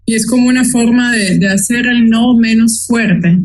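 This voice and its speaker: A woman's voice: fairly high pitch, normal speed, rough recording. A woman in an online language lesson, reading example sentences and adding short explanations.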